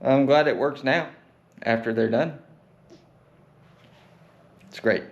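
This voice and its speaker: Male DIY vlogger, mouth numb from the dentist, slight lisp, casual and wry, mid-pitched voice. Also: slow, gravelly, muffled recording. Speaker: DIY truck mechanic vlogger and welder. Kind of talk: casual, unscripted vlog talk.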